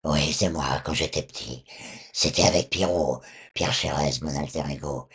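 An older man with a hoarse, honking duck-like voice, recounting his memories at a measured pace as a former singer. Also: rumbling low, steady tone, a bit bright. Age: 60s or older. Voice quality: honking duck-like voice, hoarse and rough from removed vocal cords. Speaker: former rock singer, interview guest.

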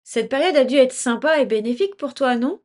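A woman's voice: sits high, lively intonation, a little fast, a little mellow. A woman presenting an audio magazine and putting questions to her guest as host. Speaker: host and interviewer.

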